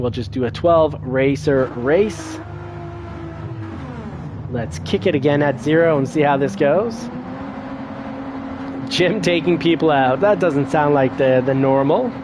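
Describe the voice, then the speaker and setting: A man giving casual commentary while playing a racing game, chatty and thinking aloud, getting excitable when he crashes. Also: on the high side, a little slow. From Canada. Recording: audible car game noise behind voice. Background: racing game car sounds.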